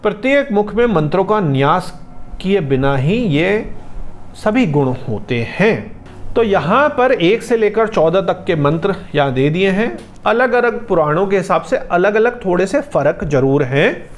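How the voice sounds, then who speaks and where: A man teaching about scripture in a patient, explanatory way, slowly chanting mantras as examples. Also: high voice, sing-song. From India. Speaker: spiritual teacher.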